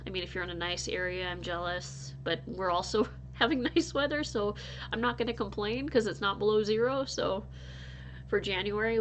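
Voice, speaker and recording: Her mid-range voice comes through with slight background noise as this adult crochet vlogger, married and from North Dakota, rambles chattily to viewers. She's still sniffly and stuffy from being ill, and her casual talk is peppered with laughs and frequent restarts.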